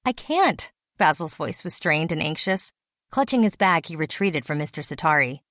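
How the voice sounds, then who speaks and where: A woman narrating a story in a steady, even reading voice. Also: low voice, normal speed, dry recording, studio quality. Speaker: audiobook narrator. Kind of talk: scripted narration.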